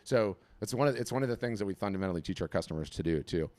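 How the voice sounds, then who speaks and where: A man hosting an online webinar, coaching artists in a casual, energetic way and often repeating words as he starts a thought. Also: low voice, very fast. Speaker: webinar host.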